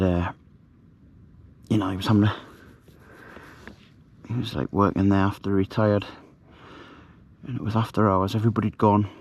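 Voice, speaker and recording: A middle-aged man, telling a ghost story in a hushed, rambling way with many fillers, camping outdoors at night. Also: on the low side. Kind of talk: casual storytelling to camera.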